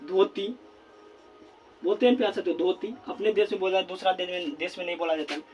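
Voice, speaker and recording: High-voiced man teaching grammar slowly. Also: fairly even intonation, a little mellow, faint music behind. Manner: repeats words slowly while writing, constant filler phrase. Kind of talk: classroom grammar lesson at a board. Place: classroom with a board.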